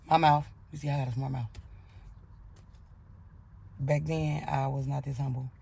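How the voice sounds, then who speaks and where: Gravelly, profane woman telling her story. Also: rumbling low, flat delivery, unhurried, mellow. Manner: blunt and profane, re-enacting angry outbursts. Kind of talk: candid personal storytelling.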